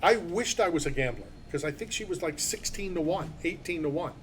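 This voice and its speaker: A man's voice: a little high, lively intonation, a little fast, fairly bright tone, a little hiss or hum. A man hosting a sports talk show, talking in an opinionated, emphatic and rambling way. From born in Philadelphia. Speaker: sports radio host.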